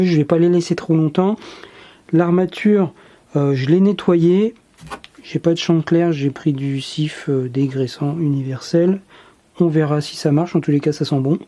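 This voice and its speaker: A laid-back workshop tutorial host talks through a repair job step by step. The voice is mellow and a little dark, at an everyday mid pitch. The delivery is easygoing and halting, with frequent filler pauses. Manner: relaxed, hesitant, many filler pauses.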